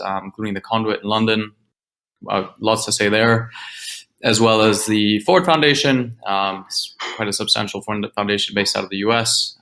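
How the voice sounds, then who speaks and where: A man from Guatemala giving a prepared grant pitch on a video call, listing his points steadily with a few fillers. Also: fairly bright tone, rough recording. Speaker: grant finalist presenting.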